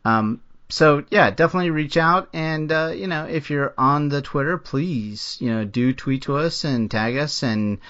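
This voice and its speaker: A man co-hosting a podcast in casual chat, rambling and self-deprecating, with lots of halting fillers. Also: a little high, fairly bright tone, muffled recording. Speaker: podcast co-host.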